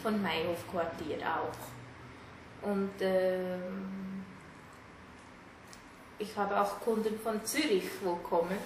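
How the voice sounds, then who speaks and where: In an echoey space with noticeable background noise, the therapist, a native Tamil speaker with a Sri Lankan accent, gives halting, plainly phrased interview replies. Her medium-pitched voice stays steady, going very slowly with frequent pauses.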